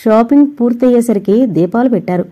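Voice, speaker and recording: Mellow woman narrating an audio novel. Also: on the high side, fast. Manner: steady storytelling reading. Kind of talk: scripted narration.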